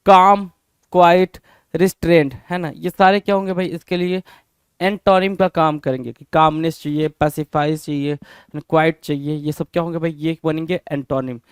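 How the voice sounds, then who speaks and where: A man's voice: on the high side, steady tone, moderate pace, smooth, dry recording. A man teaching an exam-prep vocabulary lesson, asking rhetorical questions and repeating each word.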